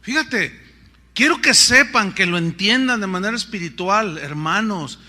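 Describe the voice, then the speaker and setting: A man's voice: high-pitched, animated, unhurried, sharp tone. A middle-aged man, preaching a sermon with rhetorical questions and playful asides. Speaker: pastor.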